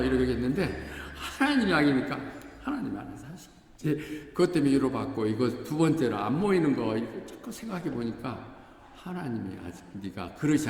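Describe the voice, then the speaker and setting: An older man preaching a conversational sermon as pastor, often acting out quoted voices with sudden pitch jumps. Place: church hall. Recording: echoey church hall with faint background noise.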